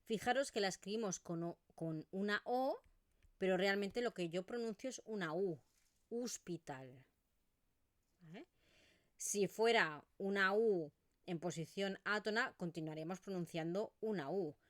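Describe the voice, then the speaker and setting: A woman's voice: medium pitch, moderate pace, no room sound, studio quality. A woman with an Eastern Catalan accent teaching pronunciation in an online video lesson, modelling vowel sounds as she explains.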